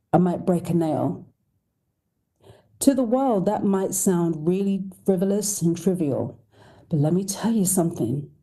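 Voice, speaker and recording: A woman's voice: on the low side, warm tone. A woman voice coach, a podcast guest, speaking emphatically with rhetorical questions. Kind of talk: podcast interview.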